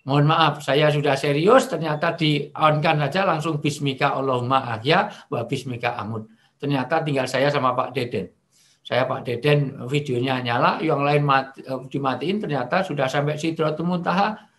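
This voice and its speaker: A middle-aged man preaching over a video call, lively and joking, now and then acting out angry shouting. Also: fairly high pitch. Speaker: Islamic preacher. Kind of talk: online religious talk.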